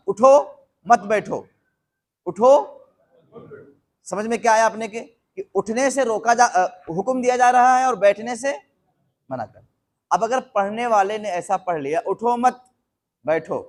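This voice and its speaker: A high-voiced Islamic preacher delivers a live sermon to a seated audience. He questions them and repeats phrases for emphasis, slowing down to spell out quoted phrases.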